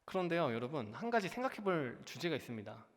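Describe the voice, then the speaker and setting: A man's voice: on the high side, sing-song, fast. A young man preaching a sermon as junior pastor, earnest, often turning to the congregation and building to emphatic peaks. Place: church sanctuary. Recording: long church hall reverb.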